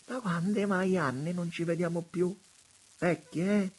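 Shrill, effusive elderly bishop, soft and fawning. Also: male voice, steady tone, measured pace. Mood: jovial. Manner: gushing, exclamatory, shrill.

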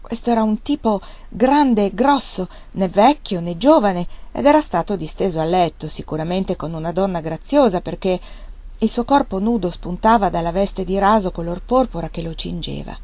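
A woman reading a novel aloud in an expressive, dramatic audiobook style. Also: on the low side, moderate pace, no room sound. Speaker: audiobook reader.

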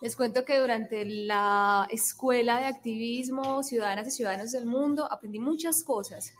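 A woman's voice: a little high, normal speed, soft background music. A woman in her thirties from Colombia giving a reflective video testimonial. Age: 30s.

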